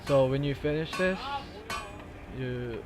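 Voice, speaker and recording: Game music and sounds run under this casual gameplay commentary from a Korean-accented gamer from Korea making a tutorial. Speaking in a mid-range voice, he halts, searches for English words, restarts, uses fillers and laughs occasionally as he explains a video game glitch.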